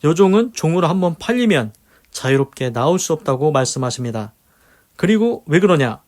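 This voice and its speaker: An earnest man with a somewhat high voice delivers a devotional sermon. He switches between explaining a passage and praying aloud, hammering his points home through repetition. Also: big pitch swings, brisk, a little mellow. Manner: earnest, alternates teaching with spoken prayer; emphatic, repeats key phrases. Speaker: preacher leading a daily devotional. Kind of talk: devotional Bible commentary with prayer.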